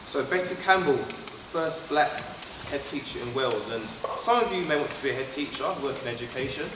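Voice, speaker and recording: A man's voice: medium pitch, expressive, a little fast. A man from London, born in Trinidad, leading a school assembly and speaking earnestly and directly to pupils. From born in Trinidad, raised in London. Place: school hall. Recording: echoey hall, far from mic, background noise.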